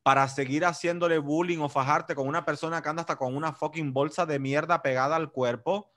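Bright, emphatic man gossiping on a video call. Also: a little high, steady tone, a little fast, no echo, clean studio sound. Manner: emphatic, dramatic, repeats phrases and calls the other 'hermana'. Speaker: co-host reviewing a reality show. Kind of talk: casual gossip chat.

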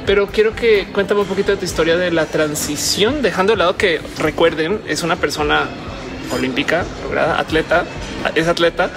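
A man's voice: fairly high pitch, a little fast, vocal fry, music in the background. A man in his thirties with a Mexican accent, a YouTuber interviewing a guest in a playful, joking way. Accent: Mexican Spanish. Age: 30s. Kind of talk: casual interview. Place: indoors, large stone-walled public building.

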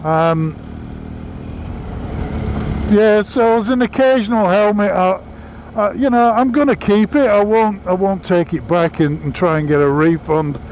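A fairly high-pitched man talks from inside a motorcycle helmet, which muffles his voice a little. He gives casual, plainspoken verdicts in a product review. Faint street and engine noise sits behind him outdoors. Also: a little slow, pauses often, a little mellow.

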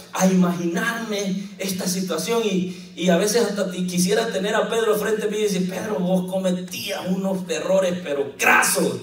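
A man preaching a lively sermon as pastor, telling the story and quoting scripture with jokes along the way. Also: high-pitched. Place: church hall. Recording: echoey church, mic at a distance.

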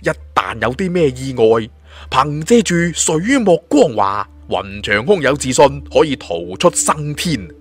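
Narrating a suspense fantasy novel in dramatic storytelling fashion, this man speaks with a Hong Kong Cantonese accent. His medium-pitched voice is unhurried and rises and falls in big pitch swings.

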